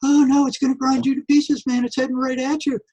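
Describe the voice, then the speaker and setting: A man's voice: extremely high pitch, flat delivery, fast, warm tone, dull audio, voice pushed up. A man voicing a disembodied taunting voice in his head that frantically urges him to panic. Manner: insistent, nagging, frantic.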